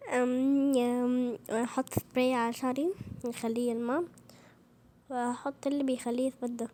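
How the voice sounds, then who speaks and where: A woman with an Egyptian Arabic accent, narrating a game role-play in a playful, animated way and voicing its characters in formal Arabic. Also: a little high, normal speed. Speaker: channel host.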